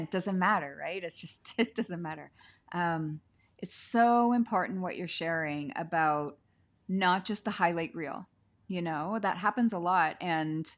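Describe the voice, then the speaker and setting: Effusive lower-pitched woman hosting a video call. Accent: Canadian. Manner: effusive, gushing, laughs often, says "like" a lot. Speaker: podcast host. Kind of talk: warm conversational interview. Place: sitting on the floor at home.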